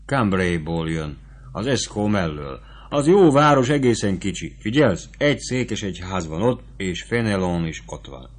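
A man's voice: deep voice, expressive. A man voicing a patient army corporal who coaches a young man on a cover story in an audiobook. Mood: coaching. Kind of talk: audiobook character voice.

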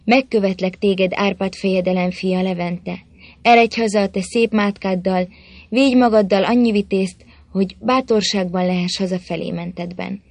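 A woman's voice: mid-range voice, fairly even intonation, darkish tone, no echo, lightly acted. A woman voicing a stern male warrior chieftain in a storybook reading, commanding and declamatory.

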